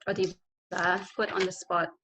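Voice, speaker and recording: A woman's voice: on the low side, flat delivery, normal speed, noisy background. A woman with an Australian accent, a guest speaker answering questions in a casual video call, chatty and laughing often at herself.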